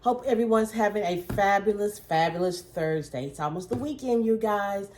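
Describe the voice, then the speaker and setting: A woman chatting casually to her viewers while showing gift totes, her voice a little worn and throaty as she clears her throat. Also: mid-range voice, normal speed, a little mellow, roomy sound, a little hiss or hum. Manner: chatty, many fillers, says "okay?" to viewers. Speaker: vlogger, small gift business owner. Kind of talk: casual product show-and-tell.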